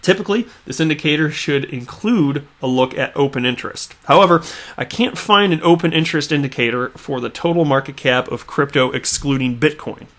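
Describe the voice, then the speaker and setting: A man from the American Midwest hosts his own crypto YouTube channel, casually commenting on tweets he reads aloud. His fairly high, slightly bright voice moves briskly, and his chatty delivery is full of fillers and repeated words.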